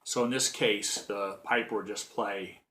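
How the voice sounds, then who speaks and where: A man's voice: lowish voice, steady tone, unhurried. A man giving an informal spoken music lesson on the bagpipes, explaining in a rambling way with frequent restarts. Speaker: bagpipe teacher.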